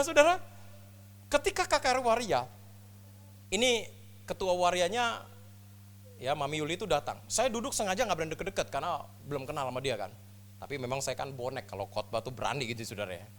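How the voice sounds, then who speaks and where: A man in his fifties preaching a sermon as a pastor, telling stories with humor and jumping between loud bursts and quiet asides. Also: a little high, big pitch swings, fast. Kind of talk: storytelling sermon.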